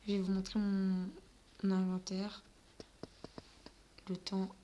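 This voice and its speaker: A woman's voice: medium pitch, completely flat delivery, slow, dark tone, lo-fi sound. A woman giving casual commentary while playing a video game, hesitant and full of fillers, and she stammers often. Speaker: gaming video creator.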